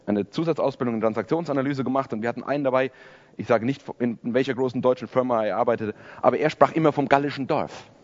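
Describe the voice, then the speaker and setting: This is a lo-fi recording of a man in his forties, a pastor, giving a sermon during a church service. His pitch is medium and his delivery is casual and self-mocking toward the congregation.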